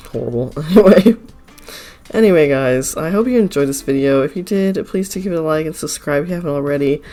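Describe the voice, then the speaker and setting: Still a little congested and rough-voiced after being sick, this man hosts an art channel and chats loosely over the footage. His pitch sits in the middle with a darker color, and he wanders along with plenty of "uh"s, "like"s and quick sorrys while soft music plays underneath.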